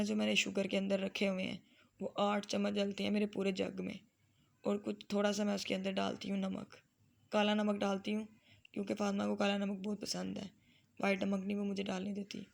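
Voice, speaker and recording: Flat, gravelly Lahori woman vlogging. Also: mid-range voice. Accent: Lahori Punjabi. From Lahore, Pakistan. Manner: chatty, slips into Punjabi phrases. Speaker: family vlogger and mother. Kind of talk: casual vlog voice-over narration.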